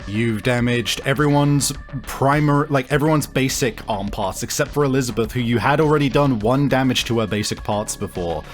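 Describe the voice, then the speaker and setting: A man with a mid-range voice serves as game master for a tabletop game, improvising the narration. He thinks aloud haltingly while laying out the action and the rules.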